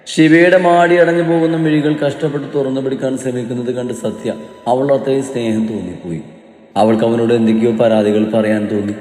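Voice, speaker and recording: A male storyteller giving an expressive, dramatic narration of an emotional story, with a mellow voice in a roomy, echoing space. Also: medium pitch, a little fast. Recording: roomy reverberant room.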